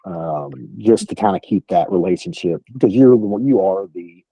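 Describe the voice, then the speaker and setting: A man's voice: sits low, moderate pace, warm tone, breathy edge, dry recording. A middle-aged man with a thick West Texas accent, giving an informal, folksy training talk on a call. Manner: folksy, plain-spoken. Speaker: sales trainer. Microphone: phone or online call. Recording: dull lo-fi call audio.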